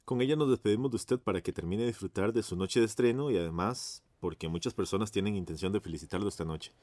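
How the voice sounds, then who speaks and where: This man, lightly acting, portrays a 1950s radio reporter in a radio drama, eager and courteous, with a Costa Rican accent and formal, announcer-style, effusively polite speech full of admiration. He has a fairly low, slightly mellow voice and speaks fast, with no echo.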